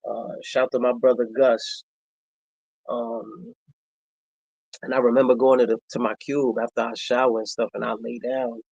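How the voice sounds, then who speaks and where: A man, telling a personal story in a reflective, halting way, with many pauses and fillers. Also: medium pitch, little pitch movement, creaky, a little mellow, husky, no echo, low-quality recording. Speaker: vlogger.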